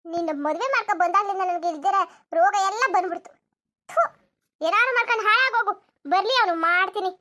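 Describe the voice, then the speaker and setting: A woman's voice: extremely high pitch, quick pace, a bit bright. A woman voicing a bossy, scolding mother-in-law in a cartoon comedy, nagging and threatening. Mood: exasperated.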